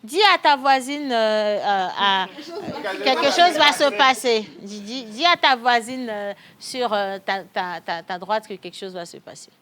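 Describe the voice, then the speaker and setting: High-voiced teasing Togolese woman host. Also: expressive, unhurried, a faint crowd. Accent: Togolese French. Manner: playful, teasing, laughing often. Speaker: show host leading the audience. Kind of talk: lively studio hosting. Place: TV studio with audience. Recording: loud audience and background noise.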